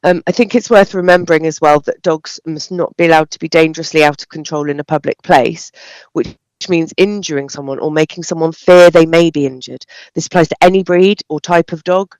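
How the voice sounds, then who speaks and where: Croaky low-pitched woman, British, formal. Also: fairly quick, a little mellow, no room sound, poor audio. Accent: British English. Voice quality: croaky, hoarse voice. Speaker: council officer responding to a question. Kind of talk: formal read-out statement at a council meeting.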